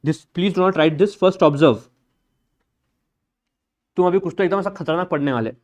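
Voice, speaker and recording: A high-pitched man lectures a live class. He talks in a brisk, blunt and informal way, teasing his students as he works through each step. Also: a little mellow. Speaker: accounting lecturer.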